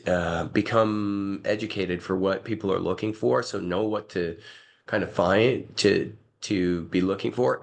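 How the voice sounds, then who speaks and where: A man with a croaky voice giving a conference talk, hesitant with many fillers, over a video call. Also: fairly low pitch. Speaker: conference speaker.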